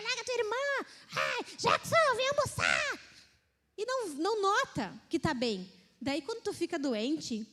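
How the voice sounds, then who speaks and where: A Brazilian woman giving a lively, casual sermon to a women's group, often mimicking complaining voices. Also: high voice. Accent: Brazilian Portuguese. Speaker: women's ministry speaker. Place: church hall. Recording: long hall reverb.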